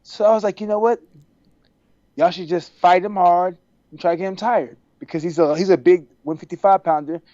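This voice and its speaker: A man from Texas, a podcast guest on a video call, telling stories in a casual, animated way and acting out the dialogue. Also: high voice, brisk, dry recording. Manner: animated, acts out quoted dialogue. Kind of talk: casual storytelling. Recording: dry, dull video-call audio.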